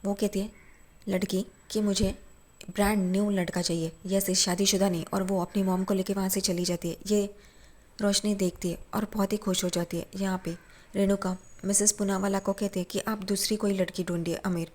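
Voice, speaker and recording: A woman's voice: medium pitch, level tone, normal speed, darkish tone. Woman retelling a TV serial. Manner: plain retelling, reads every character's lines in her own voice. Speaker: serial recap narrator. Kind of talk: recap narration with quoted dialogue.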